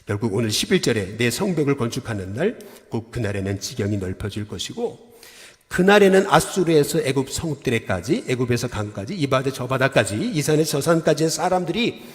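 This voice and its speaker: Animated pastor preaching in a reverberant church. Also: male voice, mid-range voice, brisk. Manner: animated preaching, asks the congregation questions. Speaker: senior pastor. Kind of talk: sermon. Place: church sanctuary. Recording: long church hall reverb.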